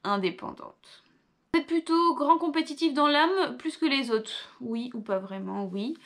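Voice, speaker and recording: A woman's voice: sits high, expressive, a little slow, a bit bright. Chatty young woman vlogger. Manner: reads questions then answers with offhand asides. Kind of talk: casual vlog, reading quiz questions aloud.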